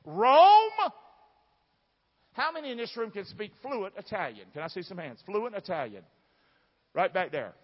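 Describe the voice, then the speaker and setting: A man's voice sits high, with big pitch swings and a breathy edge, and he speaks unhurriedly, pausing often. This Southern American preacher from the southern United States is emphatic and folksy, quizzing his congregation. The large church hall recording is dull and echoey.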